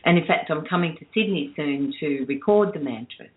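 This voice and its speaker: A woman guest telling a heartfelt story in a soft-spoken, earnest way, dwelling on her words. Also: low-pitched, expressive, moderate pace. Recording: tinny phone-line sound.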